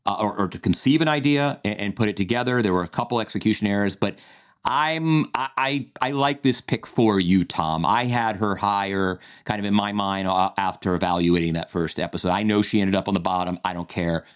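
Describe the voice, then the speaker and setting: A man's voice: fairly low pitch, brisk, clean tone. A man co-hosting a podcast, chatting casually through a draft analysis with lots of restarts. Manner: rambling, many restarts and fillers. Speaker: podcast co-host.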